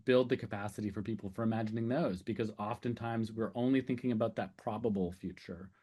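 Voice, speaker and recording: A man's voice: lowish voice, steady tone, quick pace, mellow, breathy edge. A man giving a conference talk in a loose, conversational way, with many "um"s and "uh"s. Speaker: speaker and sessional lecturer.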